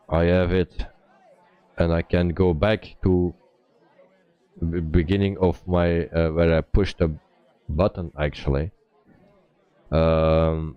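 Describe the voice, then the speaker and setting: A man giving casual live-stream commentary as a flight simulator player, with halting, hesitant phrasing. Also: low-pitched, mellow, clear, resonant tone, no room sound.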